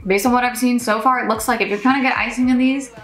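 A woman's voice: fairly high pitch, steady tone, fast talker. A woman reviewing food in a casual vlog, chewing while she talks and giving offhand verdicts between bites. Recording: echoey room with faint background music.

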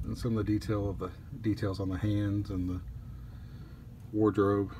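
Relaxed low-voiced man reviewing a collectible. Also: a little hiss or hum. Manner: easygoing, with frequent "uh" pauses. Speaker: toy collector reviewing a statue. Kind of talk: casual product review. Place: indoors at a table.

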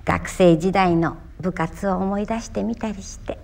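A Japanese actress from Miyagi performing a one-woman stage monologue, telling her story theatrically with sudden leaps in pitch. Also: measured pace, gravelly, a little mellow.

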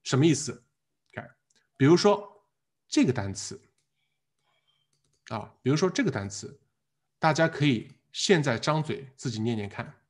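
Lively husky male English teacher. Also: mid-range voice, unhurried, long pauses. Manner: animated, asks the class questions and drills words by repetition. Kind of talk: live online lecture.

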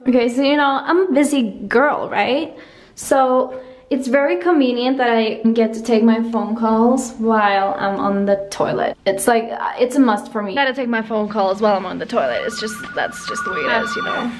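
A woman's voice: fairly high pitch, normal speed, faint music behind. A young woman in her twenties, filming a casual travel vlog on her phone in a hotel room, joking and breaking into song. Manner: playful, jokey, breaks into song. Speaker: vlogger. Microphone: phone at arm's length.

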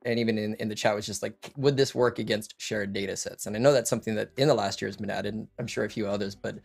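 Hosting a loose, casual interview over a video call, this man in his thirties has a fairly low voice with vocal fry, a steady tone, and a quick pace. He uses many fillers and restarts, speaking from his home room with a couch and lit wall panels.

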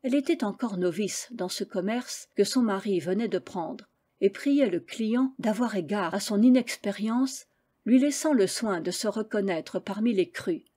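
A woman narrating a classic storybook in a measured, expressive reading. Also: mid-range voice, dry recording. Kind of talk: audiobook narration.

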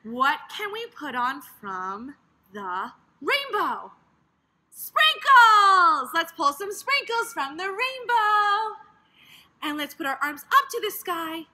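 A woman coaches small children through playful exercises in a very bright, piercing voice with lively swoops in pitch. Her delivery is unhurried, exaggerated and encouraging, picked up by a camera across a big gym. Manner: animated, exaggerated, encouraging sing-song delivery. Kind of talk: playful guided exercise lesson for young children. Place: large indoor gymnastics gym. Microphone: camera a few metres away. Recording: faint room noise, camera across gym.

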